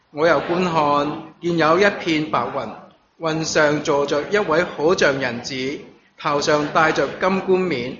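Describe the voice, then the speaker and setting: A man with a fairly high voice leads a sermon and reads scripture aloud at a steady, measured pace. When he leaves the text he stumbles over fillers. The recording sounds dull and lo-fi, with a congregation clearly audible behind him. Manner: measured reading of scripture, halting fillers when speaking freely. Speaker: preacher. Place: church service, also streamed online.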